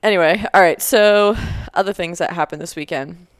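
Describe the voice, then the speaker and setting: Young woman podcasting, chatty w lots of ums, smooth lowish voice, dry close sound. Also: moderate pace, no room sound. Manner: chatty, many fillers, laughs easily. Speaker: podcast co-host. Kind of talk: casual chat.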